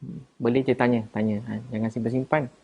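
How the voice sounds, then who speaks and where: A man with a Malaysian Malay accent, chatting casually on a live stream as he answers viewers and defends himself, getting louder and higher at times. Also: level tone, quick pace, creaky, husky, lo-fi sound.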